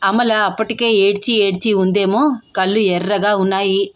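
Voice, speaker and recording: A woman narrating an audio story in a steady, expressive reading. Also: medium pitch, normal speed. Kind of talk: scripted narration.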